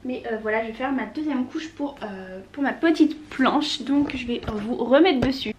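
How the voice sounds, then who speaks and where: A woman with a high voice chats through a home craft project for her vlog. She talks in a relaxed, easygoing way, stopping often to find her words. It sounds like a small camera mic at home. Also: moderate pace, a little hiss or hum. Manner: chatty, relaxed, full of small hesitations. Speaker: lifestyle vlogger. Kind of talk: casual DIY vlog chat. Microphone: compact camera mic.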